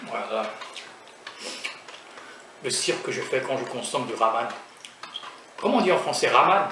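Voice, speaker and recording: A man's voice: medium pitch, animated, normal speed, distant mic. Hesitant young man, echoey room. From raised in France. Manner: hesitant, many fillers and restarts; self-mocking humor. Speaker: food vlogger. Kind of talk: casual vlog chat. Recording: echoey room, voice from off mic, faint noise.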